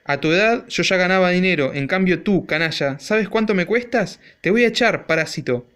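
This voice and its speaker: A man voicing a furious, stingy old father who shouts in a shrill voice. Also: big pitch swings, measured pace, full character voice. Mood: furioso.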